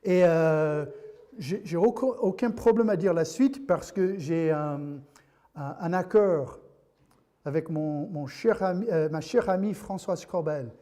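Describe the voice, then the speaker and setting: Guy preaching in church, high mellow voice, joking around, lots of restarts. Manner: jokey, halting, with many restarts. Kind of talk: sermon.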